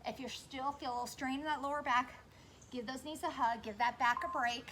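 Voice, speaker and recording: A woman leading a workout while exercising along, somewhat breathless, giving short form cues and steady encouragement. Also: high voice, a little fast, background noise. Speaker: fitness instructor leading a workout. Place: indoors on carpet.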